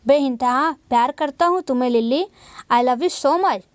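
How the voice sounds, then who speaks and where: A woman reading as a smooth two-timing young husband. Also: sits high, unhurried, no room sound, studio quality. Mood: coaxing. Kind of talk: storybook reading.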